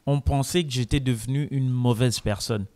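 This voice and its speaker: At a press conference, a Congolese man answers questions in a measured, reflective manner, mixing French with Lingala phrases between sentences. His voice is mid-pitched with a somewhat dark tone.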